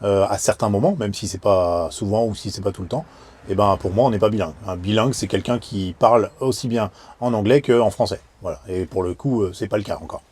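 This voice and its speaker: A man's voice: lowish voice, a little fast, darkish tone, husky. A man travel vlogger explaining things casually, hesitant with many fillers.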